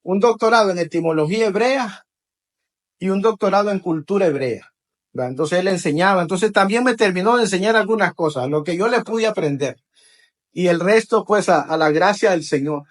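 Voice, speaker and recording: A man's voice: high-pitched, fairly quick. A man preaching to a congregation, leading call-and-response and tagging his phrases with "¿verdad?". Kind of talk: teaching sermon to a congregation.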